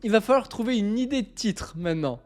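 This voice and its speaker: Guy on a live stream, giggly and excitable, stumbles over his words, faint music behind. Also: high voice, brisk. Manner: excitable, keeps breaking into laughter; stammers and repeats himself. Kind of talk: casual live-stream chat.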